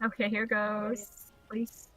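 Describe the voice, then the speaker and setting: A woman playing a tabletop role-playing game, chatting casually with excitable exclamations. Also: mid-range voice, slow, soft background music, poor audio. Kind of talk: casual chat.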